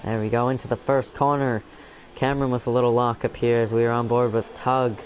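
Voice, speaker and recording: A man's voice: medium pitch, little pitch movement, fairly quick, dull audio, a little hiss or hum. A young man giving live commentary on a sim-racing league, rambling with many fillers and self-corrections. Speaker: race commentator.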